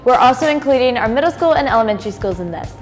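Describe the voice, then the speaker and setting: A teenage student announcer on a school news show, explaining steadily with a few fillers. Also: female voice, a little high, expressive, racing, soft background music. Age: teens.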